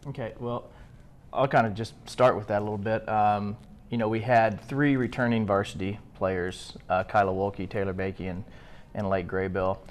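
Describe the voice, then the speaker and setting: A man's voice: on the low side, steady tone, moderate pace. A man speaking as a head coach at a press conference, answering in an easygoing, conversational way.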